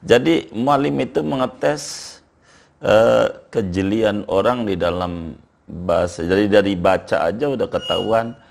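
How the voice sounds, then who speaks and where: An older man speaks in a very low, gravelly voice. He explains patiently as a scholar in an interview, often repeating his phrases. Now and then he reads classical Arabic text aloud. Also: measured pace, a little mellow. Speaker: Islamic scholar, interview guest. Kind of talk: relaxed conversational interview.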